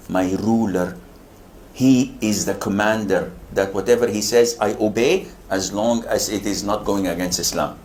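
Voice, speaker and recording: A man's voice: on the low side, darkish tone, slight background noise. An older man from Saudi Arabia, an Islamic preacher answering audience questions with humor, now and then acting out other people's voices. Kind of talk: lecture Q&A.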